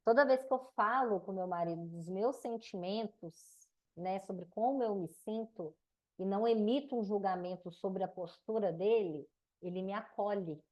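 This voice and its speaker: A woman's voice: medium pitch, normal speed, dull audio. A Brazilian woman teaching a relationship mentoring class, didactic and conversational, asking questions and answering them herself. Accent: Brazilian Portuguese. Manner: didactic, asks and answers her own questions.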